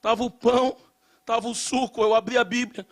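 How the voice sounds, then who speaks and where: A young man preaching, telling a testimony and rising into loud shouted prayer. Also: very high voice, flat delivery, a little fast. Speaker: pastor. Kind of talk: sermon.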